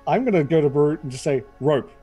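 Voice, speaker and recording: A man's voice: a little high, lively intonation, brisk, warm tone, breathy edge, faint music behind. A man chatting casually as a player in a tabletop game.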